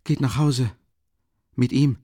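A man voicing a feverish, irritable young man in an audiobook, speaking in a halting, strained way. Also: medium pitch, expressive, darkish tone, no room sound, clean studio sound, pitched above the performer's own voice, close to an everyday voice. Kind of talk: audiobook reading.

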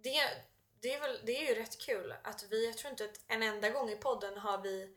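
A woman's voice: fairly high pitch, fairly even intonation, a bit bright. A woman co-hosting a podcast in casual chat, candid and self-deprecating, laughing easily. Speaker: podcast co-host. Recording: roomy echo.

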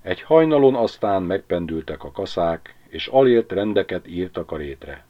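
A man reading an audiobook aloud in a calm, measured narration that lifts for dialogue. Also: low voice. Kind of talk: scripted narration. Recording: dull amateur audiobook recording.

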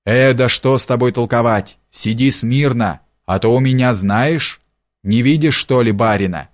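A man reading an audiobook, voicing a curt, gruff forester who speaks slowly. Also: medium pitch, lightly acted. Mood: stern.

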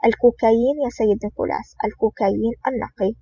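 A reader speaks as a cool, sardonic male agent who mocks with calm ease. The delivery is quick, and the audiobook recording sounds dull and lo-fi with a faint hiss. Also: mid-range voice, vocal fry, close to an everyday voice. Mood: calm mocking. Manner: mocking, calm. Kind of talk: audiobook reading.

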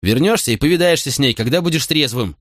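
A man's voice: mid-range voice, expressive, quick pace, fairly bright tone, no echo, clean studio sound, pitched above the performer's own voice, natural voice. A man voicing a young Roman officer who talks urgently and coaxingly.

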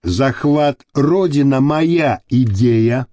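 A scheming male accomplice lays out his terms slowly and persuasively, as a male reader plays him. The voice moves freely up and down. The sound is dry and close. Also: mid-range voice, animated, mellow, no room sound. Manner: measured, persuasive.

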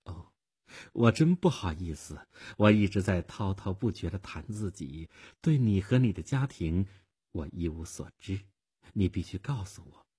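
Guy doing a lonely rich widow, husky and slow, voice rising and falling a lot, radio story feel. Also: deep voice, animated, dark tone, heavily acted. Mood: wistful. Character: wealthy lonely widowed woman.

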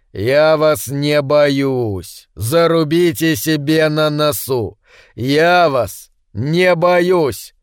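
A man's voice: fairly high pitch, smooth, no room sound, studio quality. A man voicing a stern, sarcastic male schoolteacher who talks in a sneering, commanding way.

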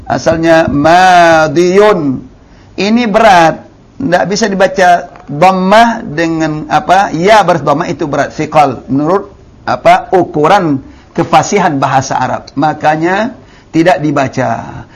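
In a classroom grammar lesson, a man with an Indonesian accent teaches Arabic grammar, patiently explaining, repeating key terms and drawling the words he models. His voice sits on the high side and has vocal fry.

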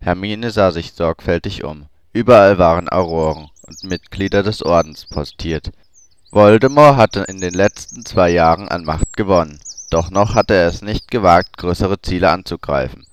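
Deep-voiced male audiobook narrator. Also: moderate pace, a little hiss or hum. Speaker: audiobook reader.

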